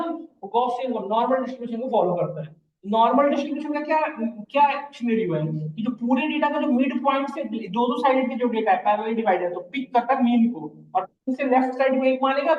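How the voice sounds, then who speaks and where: Teaching machine learning in a live online class, a man with an extremely high-pitched voice explains things step by step and keeps checking that students follow, calling them "beta" in a fatherly way. He speaks in a mix, and the sound is dull and echoey, as if recorded in a reverberant room.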